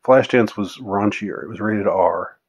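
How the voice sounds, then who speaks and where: Fielding questions from viewers, this fifty-something man speaks off the cuff in a lowish, slightly rough voice. His monologue is casual and rambling, halting as ideas drift away unfinished.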